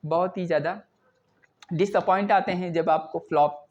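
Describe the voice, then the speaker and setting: A man's voice: sits high, steady tone, moderate pace, a little mellow. Man teaching vocabulary, lo-fi. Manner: repeats words, frequent "thik hai" check-ins. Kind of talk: explaining English words in Hindi.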